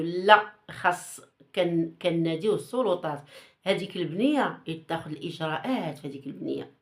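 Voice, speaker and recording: A woman with a Moroccan Arabic accent hosting a gossip channel, talking casually and teasingly with rhetorical questions and repeated phrases. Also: fairly low pitch.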